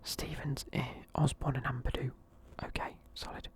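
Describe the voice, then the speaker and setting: A man's voice: medium pitch, flat delivery, normal speed. A young man in a casual video, whispering sleepily as he reviews football teams and swears offhandedly. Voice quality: whispering throughout. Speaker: video creator.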